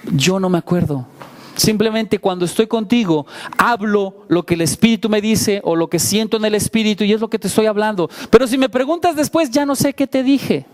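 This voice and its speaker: High-voiced man preaching conversationally. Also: a little mellow. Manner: conversational preaching with frequent rhetorical questions; self-deprecating asides. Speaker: pastor. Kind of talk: sermon.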